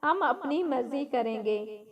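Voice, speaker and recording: A woman storyteller plays a sulky young wife who complains and argues, her voice high and bright. She sounds resentful and quick to take offense. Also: expressive. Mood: complaining. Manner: complaining and whiny. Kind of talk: storytelling narration.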